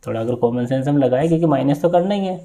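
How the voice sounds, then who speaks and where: A man teaching an exam-prep maths lesson, explaining step by step and often asking if it is clear. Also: medium pitch, quick pace. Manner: steady step-by-step explaining with frequent check-in questions.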